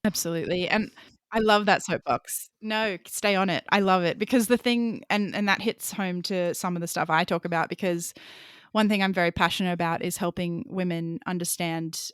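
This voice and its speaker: A woman hosts a podcast, passionate and open, with laughter slipping in as she talks. Her voice is smooth and a touch low, and the sound is dry and close. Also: moderate pace, fairly bright tone, dry recording. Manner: passionate, open, laughs often while talking. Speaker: podcast host. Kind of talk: podcast conversation.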